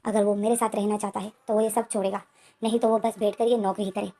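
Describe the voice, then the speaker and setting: A woman's voice: mid-range voice, level tone, quick pace, mellow, close to an everyday voice. A woman reading an angry young man. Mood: taunting. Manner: indignant, snapping retorts. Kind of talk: reading out dialogue from a story.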